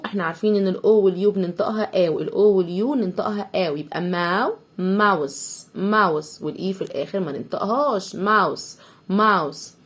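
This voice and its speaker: A woman with an Egyptian Arabic accent teaches English vocabulary to young children. She breaks each word into its sounds and repeats it slowly several times. Her voice sits at an ordinary middle pitch. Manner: sounds words out letter by letter. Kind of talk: vocabulary lesson for young pupils.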